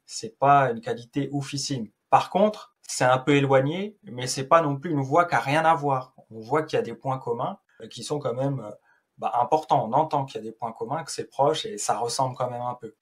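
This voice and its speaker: Male YouTuber, husky mid-pitched voice, relaxed informal tutorial delivery with hesitations. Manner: chatty, loose and informal, with frequent hesitations. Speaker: YouTuber explaining a software tool. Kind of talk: casual tutorial explanation.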